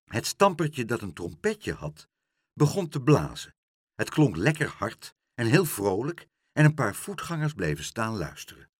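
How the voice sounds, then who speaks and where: A man reading a children's book aloud, animated, switching into character voices. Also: mid-range voice, measured pace, husky, no echo, clean studio sound. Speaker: storyteller.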